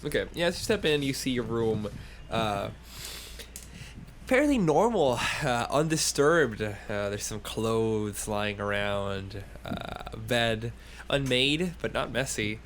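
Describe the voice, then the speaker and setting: Game master, male, mid-pitched, slow and halting narration, light hiss on a call line. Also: animated, a bit bright. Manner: unhurried, halting scene description with many fillers.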